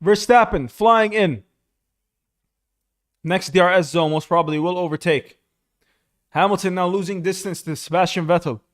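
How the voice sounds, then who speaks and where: A young man streaming live, giving casual, excitable commentary on a motor race and saying "bro" a lot. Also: high-pitched, moderate pace, long pauses.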